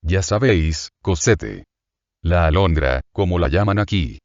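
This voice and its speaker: A man's voice: low-pitched, expressive, unhurried, no room sound, dull audio. A man voicing a scheming middle-aged female innkeeper who whines and fawns over a rich guest, in an audiobook reading. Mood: lamenting. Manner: plaintive, wheedling, fawning.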